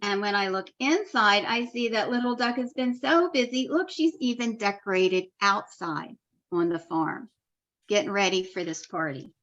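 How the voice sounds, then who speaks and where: With a medium-pitched voice at a moderate pace, a teacher shares a picture book aloud with little kids. She brings the story to life and chats to them in friendly asides, though the audio sounds dull.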